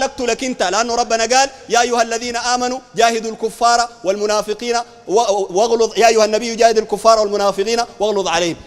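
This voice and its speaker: A male preacher with a Sudanese Arabic accent, debating combatively, firing rhetorical questions and shouting at times. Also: very high-pitched. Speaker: Islamic preacher. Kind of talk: heated public debate. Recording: long hall reverb.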